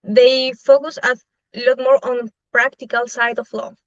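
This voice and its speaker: A young woman with a Chilean Spanish accent, speaking English as a second language, answers thoughtfully in a casual interview and often fills pauses with "eh". Her voice sits a little high, and the recording sounds dry and slightly dull, like a lo-fi setup. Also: flat delivery, no room sound. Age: young adult. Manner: thoughtful, with frequent "eh" fillers. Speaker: interviewee, law student.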